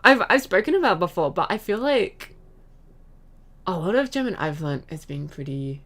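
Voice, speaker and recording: A woman's voice: lowish voice, sing-song, moderate pace, fairly bright tone. A young Australian woman streaming, chatting casually with her audience, giggling often and rambling through fillers and restarts. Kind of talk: casual chat reading chat messages.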